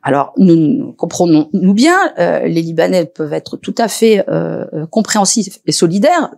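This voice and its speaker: A woman researcher speaking as an expert on a panel, lively and animated, often pausing with hesitations and restarts. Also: fairly low pitch, vocal fry. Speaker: researcher and lecturer. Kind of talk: expert talk at a panel discussion.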